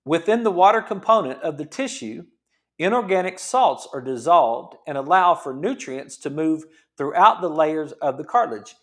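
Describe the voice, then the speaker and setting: High-voiced man in his fifties explaining. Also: lively intonation, moderate pace, fairly bright tone. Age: 50s. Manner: explains, repeats himself, asks rhetorical questions. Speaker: chiropractor host. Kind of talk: casual health talk.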